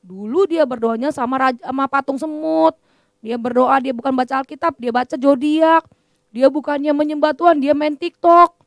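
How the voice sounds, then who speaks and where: A young woman, telling a Bible story to children in a lively, chatty way. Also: high voice, moderate pace, no room sound, clean studio sound. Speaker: children's church teacher.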